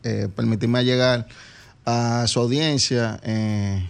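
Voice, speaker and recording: A man's voice: mid-range voice, steady tone, slow pace, creaky, smooth. A man with a Caribbean Spanish accent from the Dominican Republic, speaking conversationally as an interview guest. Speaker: interview guest, advertising company businessman.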